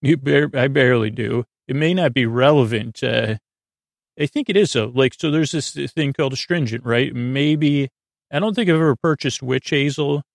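This sleep podcast host speaks at a normal pace and medium pitch, rambling and stammering as he drifts off on frequent tangents. His voice is gravelly and creaky, recorded cleanly in a studio without any echo.

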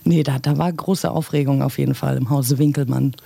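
Chatty female co-host, warm mellow tone, dry sound. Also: rumbling low, a little fast, creaky, breathy edge, no echo. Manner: lively, chatty, laughs easily. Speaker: radio co-host. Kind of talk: casual radio chat.

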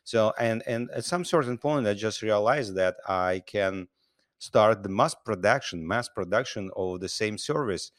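A man from Russia who speaks. He answers interview questions in halting English, with many restarts. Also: lowish voice, dry recording, studio quality. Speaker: guest, business founder.

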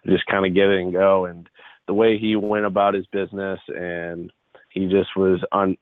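A man's voice: low-pitched, no echo. Young man on a tinny phone line. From Chicago area, United States. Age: 20s. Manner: loose and rambling, heavy on filler "like". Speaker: guest, baseball pitcher. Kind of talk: casual interview chat.

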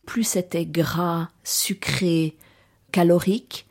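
A woman's voice: fairly low pitch, noisy background. A woman, hesitantly recounting her personal story in an interview. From Lausanne region, Switzerland. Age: 40s. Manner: hesitant, reflective, many pauses and fillers.

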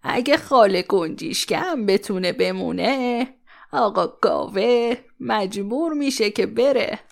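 A woman's voice: mid-range voice, animated, gravelly. An actress voicing a kind, motherly old village woman in a children's audio story, coaxing and soothing. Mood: gentle. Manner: soothing, coaxing, calls everyone dear. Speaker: voice actor.

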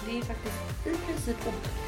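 A woman's voice: on the high side, echoey room, loud music behind the voice. A woman in her twenties, swearing freely and acting out quotes as she tells a story in casual chat. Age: 20s. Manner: animated, swearing, acts out quotes.

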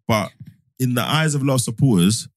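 Man arguing football, lively pitch. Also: fairly quick, dry recording. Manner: argumentative, provocative, laughs loudly. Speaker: podcast co-host. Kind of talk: casual football debate.

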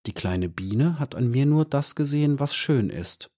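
A modest male night moth in a storybook, musing quietly about himself , as a male narrator puts him on. His voice stays close to the reader's own, calm and reflective. He speaks slowly and thinks aloud. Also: medium pitch, pitched above the performer's own voice, close to an everyday voice. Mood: pensive.

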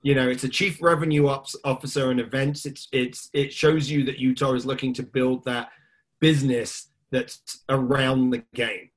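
A man's voice: medium pitch, flat delivery, moderate pace. A man co-hosting a casual chat, thoughtful and hedging, leaning on "you know" and "I mean". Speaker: podcast co-host.

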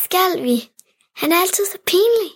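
A man's voice: very high-pitched, animated, fairly bright tone, pitched above the performer's own voice, full character voice. A man voicing a sulky eight-year-old girl in a storybook reading, pleading and whiny. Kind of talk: storybook narration.

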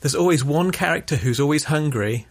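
A man from England co-hosting a casual podcast chat, wry and quick to laugh. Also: a little high, expressive, no echo, studio quality. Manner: wry, chatty, laughs often. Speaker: podcast co-host.

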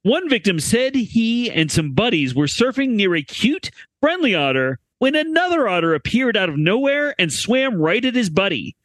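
A man's voice: sits high, big pitch swings, moderate pace, hardly any pauses, a bit bright, no echo. A man co-hosting a comedy podcast, reading odd news stories aloud with jokey asides. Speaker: podcast co-host. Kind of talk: comedic casual chat.

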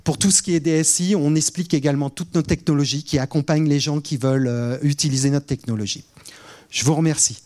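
A man presenting at a conference, his voice sitting slightly high for a man. He runs through long lists of features quickly, filling gaps with hesitant "euh" sounds. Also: fairly even intonation, dark tone. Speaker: product presenter.

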